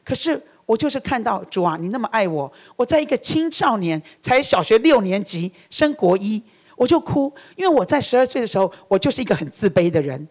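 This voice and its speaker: A woman's voice: fairly high pitch, very animated, brisk, a little mellow, slightly rough. A middle-aged woman, preaching a sermon. She tells her own story earnestly and acts out the prayers she quotes. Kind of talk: sermon with personal testimony.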